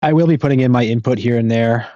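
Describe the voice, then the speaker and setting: A man hosting and commentating a live board game match, analytical and quick to laugh. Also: medium pitch, dark tone, no echo, dull audio. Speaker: commentator and host.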